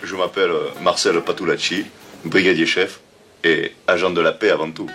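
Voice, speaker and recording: Brief: man playing a self-important comedy-sketch cop, deep and slow, with faint music behind. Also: steady tone, a bit bright. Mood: pompous. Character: pompous middle-aged male police sergeant from a comedy sketch.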